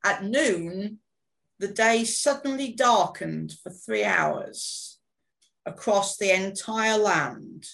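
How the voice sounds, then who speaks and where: A woman narrating scripture in a slow, deliberate storytelling way. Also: mid-range voice, creaky, fairly bright tone.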